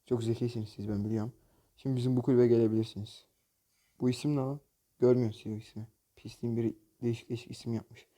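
Man, gaming channel host, very dark mellow voice, grumbling, joking, cursing at the game, box-opening commentary. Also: medium pitch, steady tone, very fast. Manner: exasperated, grumbling and jokey, curses at the game.

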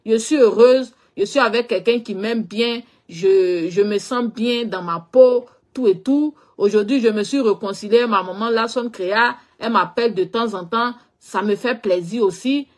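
A woman's voice: a little high, normal speed, hardly any pauses. Frank West African French woman talking. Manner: frank, repetitive, trailing off with "tout ça". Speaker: social media personality. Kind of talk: casual storytelling monologue.

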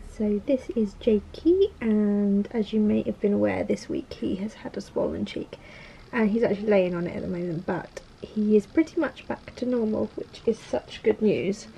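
Gravelly British mum vlogging at home. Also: female voice, medium pitch, normal speed. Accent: British English. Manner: chatty and reflective, peppered with "like". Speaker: family vlogger and mother. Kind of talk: casual talk to camera. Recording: dull lo-fi home video with steady background noise.

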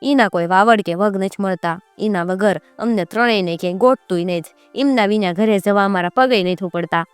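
A woman's voice: mid-range voice, normal speed, hardly any pauses, smooth, no room sound, faint music behind, lightly acted. A woman voicing a frightened young merchant's son in a folk tale, pleading and earnest. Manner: pleading, then whispering to a friend.

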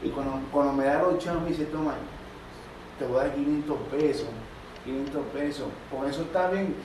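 A man of middle pitch tells faith anecdotes haltingly, stumbling over repeated words. He is far from the mic in a very echoey room, with clear noise behind him. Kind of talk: casual faith testimony chat.

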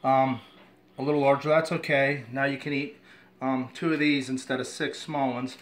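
A man in his forties hosts a home cooking channel, giving a casual demonstration in his kitchen while a handheld camera films his hands. He talks in an easygoing, rambling, self-deprecating way, his mid-range voice fairly bright with little pitch movement at a moderate pace. There's slight background noise.

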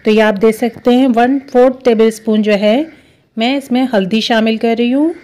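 A woman walks through a recipe step by step. She talks in a steady, instructive way, often repeating each step. Her voice comes from a home kitchen. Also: fairly high pitch, moderate pace. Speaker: cooking show host.

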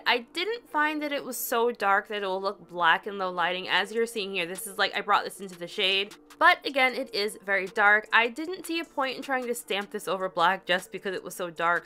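A woman's voice: medium pitch, expressive, normal speed, hardly any pauses, sharp tone, clear, resonant tone. A young woman narrating a chatty, upbeat nail polish review as a voice-over, with the odd giggle at her own slips. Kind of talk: scripted product review voice-over.

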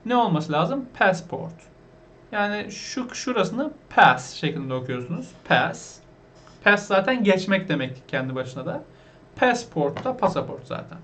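A man's voice: sits high, sing-song, normal speed, a bit bright, a little hiss or hum. A man teaching an online English lesson, patiently repeating words and asking his viewers questions.

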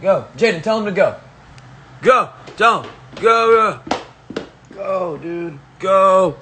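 A man's voice: sits high, animated, measured pace, pushed and bright, slight background noise. A young man livestreaming from his phone, hyped and urgently repeating commands to his viewers. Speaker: social media livestreamer. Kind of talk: casual livestream chat.

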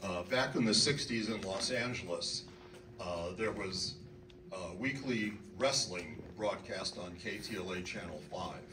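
A man's voice: low voice, measured pace. A man in his seventies talking casually to an audience from an open mic stage, chatty and self-deprecating with a handheld mic. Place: auditorium stage. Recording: echoey hall, from far off, noisy.

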